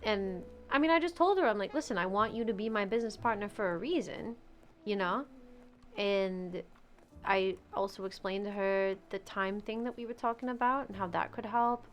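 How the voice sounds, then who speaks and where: A woman's voice: medium pitch, moderate pace, soft background music. A woman in casual role-play chat, talking frankly and swearing freely. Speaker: streamer role-playing a theater owner.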